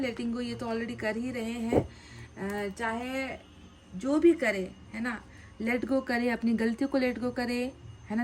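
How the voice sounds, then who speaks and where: A woman giving a casual tarot card reading, animated and repeating phrases for emphasis. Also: a little high, slight background noise.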